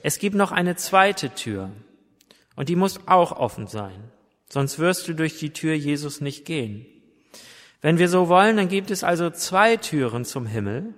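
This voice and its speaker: A man's voice: fairly high pitch, lively intonation. Man preaching, earnest sermon, long reverb of a big hall. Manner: slow, earnest, addresses listeners warmly.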